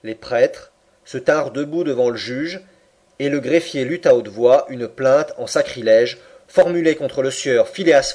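A man narrating a classic novel in an expressive, animated reading. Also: medium pitch. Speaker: audiobook reader.

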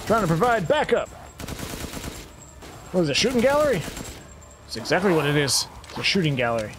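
Animated man joking through a shooter game. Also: on the high side, brisk, background noise. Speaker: gaming channel host. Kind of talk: let's-play commentary. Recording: voice over loud game sound and gunfire. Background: game gunfire and ambience.

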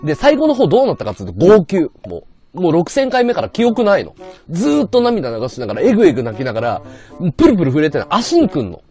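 A male livestreamer chatting casually with viewers, blunt and slangy. His pitch leaps up and down very expressively, and quiet music plays underneath. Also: huge pitch swings, fast. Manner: blunt slangy banter, reads viewer comments.

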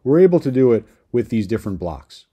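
A young adult man walking viewers through a software tutorial in an upbeat way, often tagging his sentences with "right?". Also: medium pitch, sing-song, fairly quick, breathy edge. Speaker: online business course creator. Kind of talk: screen-share software tutorial.

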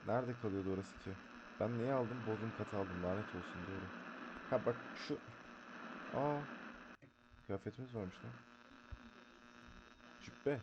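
A man's voice: on the low side, a little slow, pauses often, lo-fi sound, background noise. A man commentating a horror game as he plays, jumpy and panicky, chatting to himself, muttering prayers and shrieking when scared. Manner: chatty, talking to himself while playing. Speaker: gameplay streamer.

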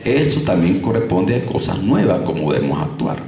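A very deep-voiced man preaches to a congregation in a lively way, repeating himself and acting out stories with sound effects. He stands away from the mic, so the hall echoes and a faint hiss sits under his voice. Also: normal speed. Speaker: pastor. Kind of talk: sermon. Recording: echoey room, distant mic, faint noise.

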